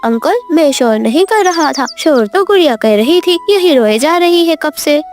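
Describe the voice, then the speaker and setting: A woman's voice: high-pitched, expressive, normal speed, faint music behind. A woman voicing a mischievous little boy sparrow who teases his sister in a cartoon. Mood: teasing. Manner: teasing, defensive.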